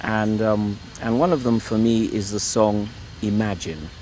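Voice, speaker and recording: Interviewed at home as a priest, a middle-aged man from Ireland talks in a fairly low, darkish voice with a steady tone and measured pace, while faint traffic hums outside. The exchange is relaxed and conversational, but he's hesitant, stopping frequently, repeating himself and leaning on fillers while searching for words.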